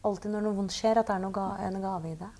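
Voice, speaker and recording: A woman's voice: medium pitch, fairly even intonation, mellow. A woman client reflecting thoughtfully and hesitantly with fillers. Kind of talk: reflective conversation.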